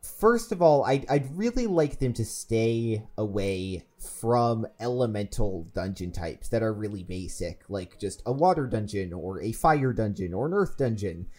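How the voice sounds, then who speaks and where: A man's voice: on the low side, sing-song, measured pace, few pauses, warm tone. A man who is a podcast regular, sharing opinions in casual discussion.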